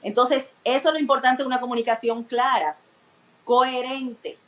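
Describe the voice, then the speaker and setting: Speaking at a normal pace in a high voice with fairly even intonation, a woman gives didactic talk-show advice on emotional communication, acting out everyday scenarios. The recording quality is low.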